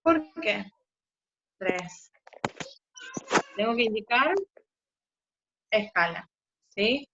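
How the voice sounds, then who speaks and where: Over muffled video-call audio with faint noise, a woman teaches a physics class step by step, often checking in with her students. Her mid-range voice has lively intonation, but she speaks extremely slowly, with long pauses.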